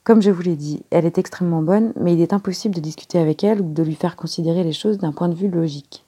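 An earnest, guarded young woman in an audiobook, read by a woman in her own voice. Her tone is low and mellow, with a gravelly, husky texture. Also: quick pace. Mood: insistent. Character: young woman secretary, poised, elegant, reserved. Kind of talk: audiobook character reading.

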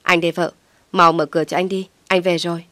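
Woman reading a guilty flustered husband, sheepish and pleading, lowish voice, dry sound. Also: flat delivery, fairly quick, fairly bright tone, dry recording, lightly acted. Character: cheating young husband, flustered and in pain.

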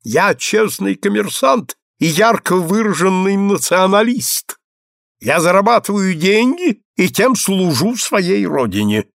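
A prim, self-righteous businessman who turns indignant and wailing, as a man reading the story acts him out. His voice sits somewhat high with a gravelly texture. The recording is dry and close. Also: animated, measured pace, no room sound, exaggerated voice. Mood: smug.

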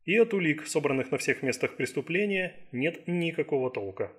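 Guy reading as a sarcastic fed-up fbi agent, higher and louder than the narration, husky. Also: animated, moderate pace. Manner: exasperated, mocking.

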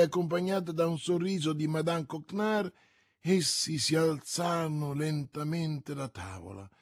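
A man narrating a classic novel as an audiobook reader, in a measured, theatrical reading. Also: fairly high pitch, slightly rough, no echo, studio quality. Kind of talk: scripted narration.

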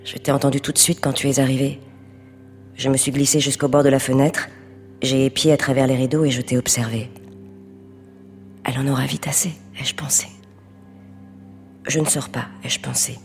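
A cool, guarded wife. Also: female voice, little pitch movement, moderate pace, long pauses, long reverb tail, soft background music. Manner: low, controlled and reserved. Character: guarded married woman, cool and self-protective. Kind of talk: stage play.

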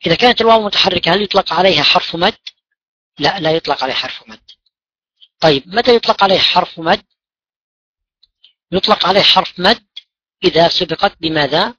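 In a lo-fi, dry recording, a religion teacher speaks fast in a high, sharp, breathy voice, leaving long pauses. He's teaching a class on Quran recitation rules, questioning his students and then answering for them.

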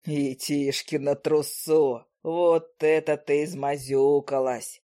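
A woman voicing a rough, cheerful man who talks in coarse folksy slang, with a blunt, drawling manner. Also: fairly high pitch, little pitch movement, takes it slowly, dark tone, voice pushed down. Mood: teasing.

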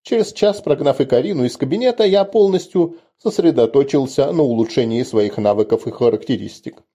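Man reading an audiobook in a dark voice. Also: mid-range voice, animated, brisk, husky. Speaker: audiobook narrator. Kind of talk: first-person fantasy audiobook narration. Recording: dull lo-fi recording.

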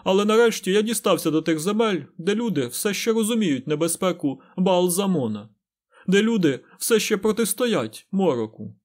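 A man's voice: high-pitched, animated, fairly quick, few pauses, voice pushed up. Man doing a whining, ragged old beggar. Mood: oily. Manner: whining, then shouting and oily-smooth. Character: whining grimy male beggar, wild and shifty.

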